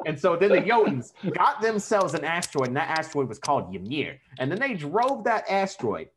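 A man hamming it up as a rowdy, wisecracking tough-guy storyteller. His put-on accent slides around while he swears and hurls the tale along. His pitch swings widely and he pushes it loud. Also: huge pitch swings, a little slow, noisy background, full character voice. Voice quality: exaggerated put-on accent that keeps shifting. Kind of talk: comic retelling of myth.

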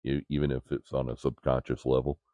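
A man's voice: extremely low pitch, level tone, a little fast, warm tone, dry recording. A man chatting casually as a talk show co-host in a droll, tongue-in-cheek manner. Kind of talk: casual chat.

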